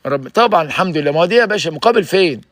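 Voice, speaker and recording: A man in his sixties with an Egyptian accent, hosting a casual livestream and preaching health advice in an energetic, urging way. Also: a little high, very fast, no echo, studio quality. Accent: Egyptian Arabic. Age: 60s.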